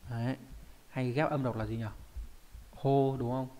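A man's voice: mid-range voice, fairly even intonation, measured pace, dark tone, a little hiss or hum. A man with a Vietnamese accent teaching a Japanese kanji lesson online, explaining each character step by step and often checking in with his students.

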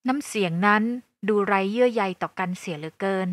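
A woman's voice: mid-range voice, a little fast, no echo. A woman narrating a first-person romance novel, in an emotional, reflective way. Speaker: audiobook narrator.

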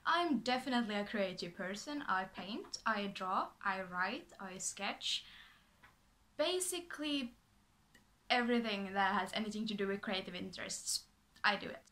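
A young Finnish vlogger, a native Swedish speaker with a Finland Swedish accent, chats to camera from a script in her small bedroom, bubbly and full of fillers and restarts. Her medium-pitched voice is animated, pushed and bright, at a moderate pace.

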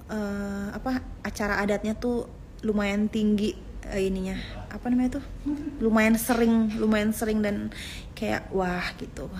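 A woman's voice: mid-range voice, a little hiss or hum. A woman chatting casually at home on a phone livestream, answering viewer comments and often searching for words as she rambles on. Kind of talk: casual live chat.

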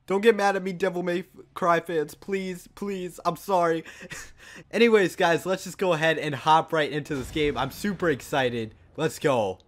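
A young man hosting a game walkthrough, jokey and excitable. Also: fairly high pitch, normal speed. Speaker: gaming youtuber.

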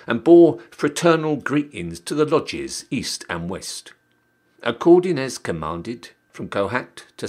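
Theatrical man reciting poetry, slow and swooping. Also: lowish voice. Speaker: poetry reader, town crier.

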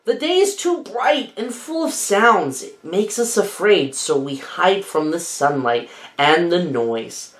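A woman voicing a group of timid nocturnal jungle creatures in a soft, hushed voice. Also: fairly low pitch, expressive, takes it slowly, roomy sound.

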